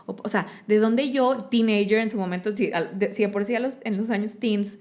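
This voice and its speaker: A woman's voice: medium pitch, a little fast, a little mellow. A woman from Monterrey, Mexico, with a Mexican Spanish accent, speaking as a guest in an interview. She talks expressively, with many fillers and tag questions. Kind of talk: conversational interview storytelling.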